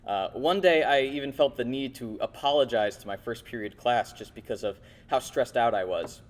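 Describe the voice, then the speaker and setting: A man's voice: mid-range voice, normal speed. Male teacher giving an earnest, lightly funny award tribute, heard with a long hall echo. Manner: warm, lightly humorous, earnest. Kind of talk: prepared award speech.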